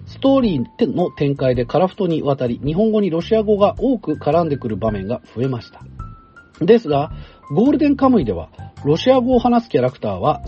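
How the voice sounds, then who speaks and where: A man hosting a radio talk show, reading listener mail aloud in a chatty manner with casual asides. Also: fairly high pitch. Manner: chatty and animated, with asides and laughs. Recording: dull broadcast sound, faint music behind.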